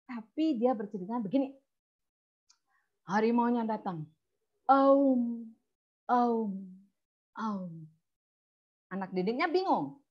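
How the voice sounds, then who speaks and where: Lively lady teaching storytelling on a webinar, kinda high voice, muffled call audio. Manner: lively, expressive. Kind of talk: webinar lesson.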